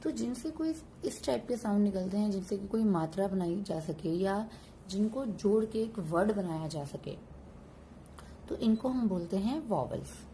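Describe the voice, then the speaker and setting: A woman's voice: mid-range voice, expressive, moderate pace, dark tone, slight background noise, rough recording. A woman hosting a home-teaching tutorial, patiently going through letter sounds one at a time. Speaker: teacher and channel host.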